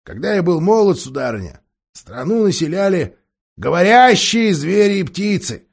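A man's voice: high voice, sing-song, normal speed, creaky, slightly rough, voice pushed up, full character voice. A man voicing a grumpy, half-deaf old male dwarf lord who grumbles and mishears words.

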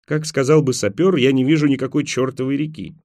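A man's voice: mid-range voice, fairly even intonation, fairly quick, gravelly, a little mellow, dry recording, voice pushed up, natural voice. A male reader voicing a wry, practical Englishman in an audiobook, talking in a dry, joking way.

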